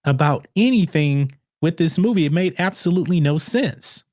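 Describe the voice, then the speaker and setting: A man hosting a casual movie podcast, animated and incredulous, often restarting his words. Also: on the high side, moderate pace, dry recording, clean studio sound. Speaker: podcast host.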